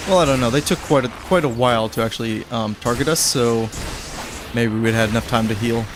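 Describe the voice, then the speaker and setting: Here a man streams a game, talking casually and cracking jokes at the characters. His voice is medium in pitch and brisk, set against a noisy background.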